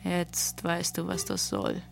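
A woman's voice: medium pitch, very animated, moderate pace, vocal fry, soft background music. Woman reading a dry sarcastic young woman.

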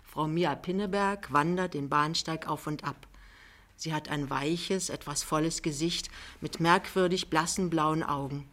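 Calm woman reading an audiobook. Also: low voice, measured pace. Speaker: narrator.

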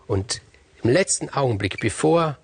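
A man telling an ancient fairy tale aloud, colloquial and lively, swinging between hushed and loud. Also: mid-range voice, unhurried, creaky, husky, no echo. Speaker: storyteller.

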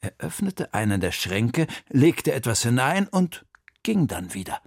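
A man narrating a children's mystery story in an animated, suspenseful way, close to a studio mic. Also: mid-range voice, unhurried, dry recording.

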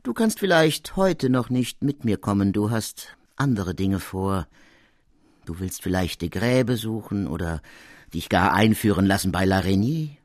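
A man's voice: on the low side, lively intonation, unhurried. A man voicing a cunning, menacing older goldsmith in a storybook reading, coaxing and threatening by turns.

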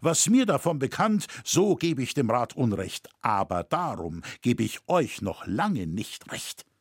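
A proud, resolute master builder of a cathedral, as a male reader puts him on. His firm speech swings widely in pitch, and his voice is a little husky. It is heard in a dry, close storybook reading. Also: big pitch swings, no room sound. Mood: calm, solemn. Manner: firm, measured declaiming.

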